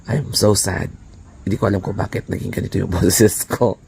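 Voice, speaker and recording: A man vlogging casually with a hoarse, raspy voice, chatting and slipping in English words and breathy laughs. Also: low voice, level tone, moderate pace, a little mellow, a little hiss or hum. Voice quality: raspy, croaky voice. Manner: chatty Taglish, mixing in English; laughs breathily between phrases. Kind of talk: casual vlog chat.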